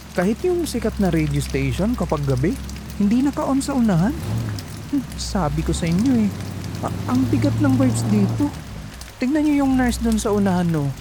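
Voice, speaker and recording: A woman with a Filipino accent and a voice on the high side plays a chatty, nervous young call center agent in an audio horror drama. She stammers and speaks colloquially, with background noise in the recording.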